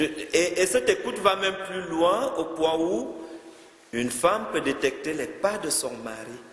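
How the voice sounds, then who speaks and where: A man's voice: on the high side, fairly bright tone, reverberant, long reverb tail. A man, a priest, giving an interactive Bible teaching, asking his listeners questions and repeating words as he goes.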